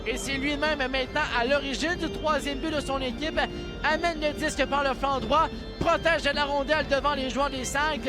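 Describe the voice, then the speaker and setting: A man with a Quebec French accent giving excited sports commentary as an ice hockey play-by-play announcer, urgent and ready to burst into shouts. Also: extremely high pitch, normal speed. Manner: urgent calls that burst into shouts on shots and goals. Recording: loud arena crowd and music behind. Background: cheering crowd and arena music.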